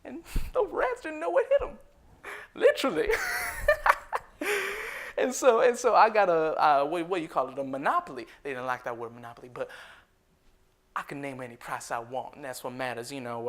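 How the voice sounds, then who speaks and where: A man's voice: medium pitch, moderate pace, a bit bright, lightly acted. A man playing a proud former slave turned barber entrepreneur, telling his story in a folksy first-person monologue with frequent chuckles. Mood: boastful. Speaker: historical reenactor.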